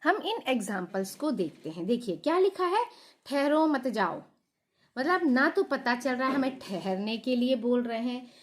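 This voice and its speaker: A woman's voice: a little high, very animated, normal speed. A middle-aged woman teacher giving a patient grammar lesson to children, asking questions and repeating the key points.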